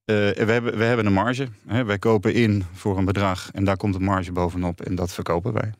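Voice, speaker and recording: A man's voice: fairly low pitch, level tone, fairly quick, no room sound, clean studio sound. A man being interviewed about his company, talking with many fillers and restarts. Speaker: company founder as guest. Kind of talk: business interview.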